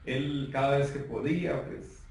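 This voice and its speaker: A man turning forty with a Guatemalan Spanish accent, telling his life testimony in an earnest, measured way. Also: medium pitch, creaky, darkish tone. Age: 30s. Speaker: guest giving testimony. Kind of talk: personal testimony. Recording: roomy far-off mic with faint noise.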